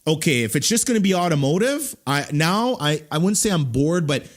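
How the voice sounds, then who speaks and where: A man in his thirties hosting a podcast, talking in animated bursts with frequent restarts. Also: on the high side, brisk. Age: 30s. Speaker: podcast host. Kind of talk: casual interview chat.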